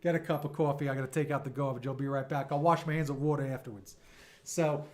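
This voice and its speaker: Speaking at a quick clip in a medium-pitched voice, this New York man in his thirties chats casually as he streams his artwork live from home. His rambling talk is animated and self-deprecating, and soft synth music hums in the background of the streaming room.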